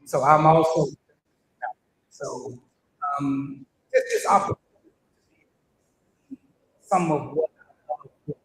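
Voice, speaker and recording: Very animated yet measured, with long pauses, an older man delivers a welcome address and an earnest prayer in a church hall, frequently repeating himself. The recording echoes and has a faint rumble underneath.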